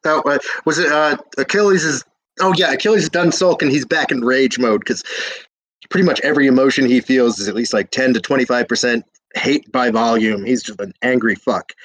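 A man's voice: mid-range voice, a little fast, fairly bright tone, no echo, poor audio. A drunk young man retelling an old epic in a rambling, slangy way, with hiccups and lots of fillers. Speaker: drunk storyteller.

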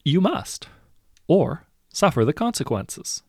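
A man's voice: a little high, big pitch swings, takes it slowly, dry recording, studio quality, pitched above the performer's own voice, heavily acted. A man voicing a smug, menacing villainous lord. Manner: falsely sympathetic, menacing. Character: smug greedy male hero turned lord.

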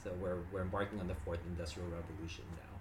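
A man guesting on a podcast, with a very deep voice. He explains things eagerly, pausing on "um" now and then. The recording sounds roomy and echoey, with clear noise behind him. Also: level tone. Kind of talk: casual interview talk. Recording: roomy echo with background noise.

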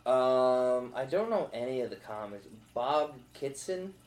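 A man's voice: mid-range voice, lively intonation, unhurried, darkish tone, echoey room. A young man, a stand-up comedian, chatting casually and telling a rambling story full of fillers and restarts. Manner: rambling storyteller, many fillers and self-interruptions. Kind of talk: casual podcast chat.

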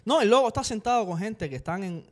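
Fast-talking man mixing in English. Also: sits high. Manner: fast, energetic talk sprinkled with English words. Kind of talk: casual chat.

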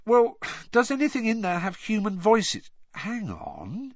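A man's voice: high voice, wildly swooping pitch, a little slow, no room sound, pitched above the performer's own voice, exaggerated voice. A man voicing an earnest, indignant teenage boy wizard in an audiobook. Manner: earnest, indignant, a bit awkward. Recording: dry, dull lo-fi recording.

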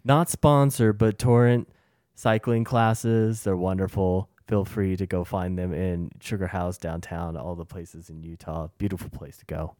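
Casting: young male podcast co-host, very low warm voice, dry close mic, easygoing and rambling. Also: measured pace, dry recording. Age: young adult. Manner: relaxed, rambling, with many restarts. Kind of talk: casual chat.

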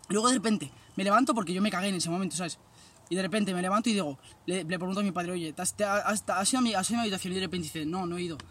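Young man, high voice, rapid rambling chat, a bit far from the mic, faint noise. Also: fairly bright tone. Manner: rambling, peppered with "sabes". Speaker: guest. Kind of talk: casual chat, telling anecdotes.

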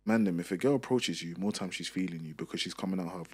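A man's voice: low voice, fast talker, darkish tone. A young man with a London roadman accent chatting casually in street slang, repeating his points with emphasis.

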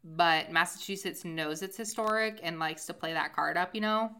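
Young woman podcast cohost, rambly and excited, kinda low but bright voice. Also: normal speed, clean tone. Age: young adult. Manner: enthusiastic, rambling, self-deprecating. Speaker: podcast co-host. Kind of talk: casual chat.

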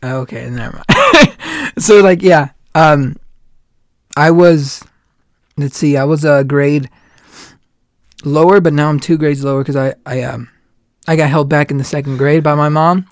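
This podcast host, a man in his late twenties, has a slightly high, expressive voice and takes his time, pausing often. He chats casually, rambling with lots of "like" and recounted quotes, in studio-quality sound with no echo.

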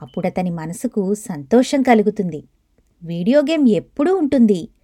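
A woman reading the lines of a gentle, wise old grandfather who calmly gives advice, in storybook narration. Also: mid-range voice, normal speed, close to an everyday voice. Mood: gently advising. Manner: calm, advising.

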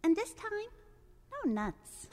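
A woman's voice: big pitch swings, slow pace, a little mellow, long reverb tail, heavily acted. A woman voicing a tiny, polite, wide-eyed duckling from a storybook. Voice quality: small, polite, high. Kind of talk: storybook read-aloud voice.

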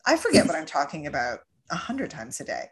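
A woman's voice: low voice, huge pitch swings, a little fast. Chatty Canadian woman in her forties. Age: 40s. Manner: chatty, jokey, recaps the film plot. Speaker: podcast host. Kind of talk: casual chat.

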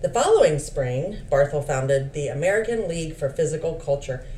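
A woman with a low, mellow voice that swings widely in pitch, reading history notes aloud for a podcast. She drops playful asides between the facts. The recording is roomy and slightly distant, with a faint hiss. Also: big pitch swings, normal speed. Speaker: podcast co-host.

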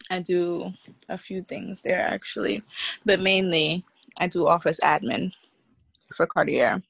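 A woman's voice: fairly low pitch, fairly even intonation, measured pace, gravelly, a bit bright, slightly rough, no echo. A woman in her twenties from Queens, speaking as a podcast guest in a casual, slangy, candid way. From Queens, New York. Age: 20s. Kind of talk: casual interview.

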